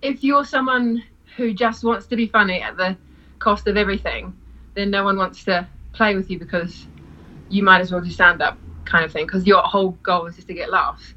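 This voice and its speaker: A woman's voice: mid-range voice, fairly even intonation, moderate pace, bright, forceful tone, lo-fi sound. A woman who teaches improv, chatting casually, laughing often and acting out quoted lines. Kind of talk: casual podcast chat.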